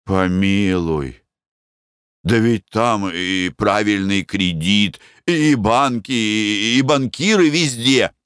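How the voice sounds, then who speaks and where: A man's voice: fairly low pitch, slow pace, a bit bright, clean tone, dry recording, studio quality. A man voicing a well-traveled merchant who talks in a wry, moralizing way in an audiobook.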